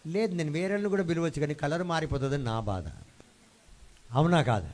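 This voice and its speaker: A man's voice: fairly high pitch, a little fast, darkish tone. Emphatic male preacher. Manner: emphatic, mixes English phrases into his preaching; calls out for responses from the congregation. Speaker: pastor. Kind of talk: sermon. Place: church hall.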